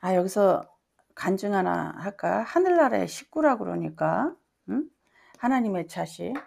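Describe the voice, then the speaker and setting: A woman's voice: medium pitch, very animated, moderate pace, vocal fry, a little mellow. A middle-aged woman pastor preaching a sermon with personal testimony, emphatic and often asking her congregation questions.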